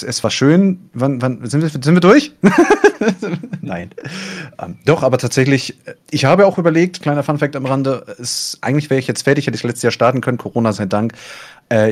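A man who commentates esports, chatting casually and letting his voice deliberately rise and fall as he talks. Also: animated. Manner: deliberately rises and falls in pitch while telling. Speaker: esports caster. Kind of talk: casual podcast chat.

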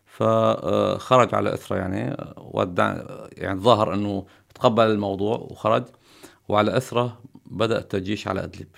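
A man's voice: on the low side, creaky. A middle-aged man with a Syrian Arabic accent, a podcast guest earnestly recounting memories.

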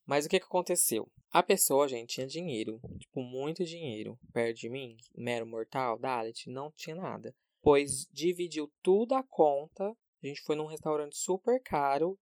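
A man's voice: fairly high pitch, moderate pace, hardly any pauses, darkish tone, dry recording, clean studio sound. A man from Brazil with a Brazilian Portuguese accent, co-hosting a casual chat in a dramatic, emphatic and teasing way.

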